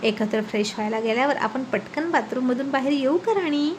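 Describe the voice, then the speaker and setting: A woman voicing a quick-tempered young husband who scolds his wife. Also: sits high, animated, a little hiss or hum. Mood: angry.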